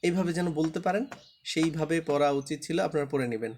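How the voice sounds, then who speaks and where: Male teacher, fairly high voice, patient, repeats letter sounds for an online class. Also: fast talker, darkish tone, a little hiss or hum. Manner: patient, drills letters aloud, asks the class to check understanding. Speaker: Quran reading teacher.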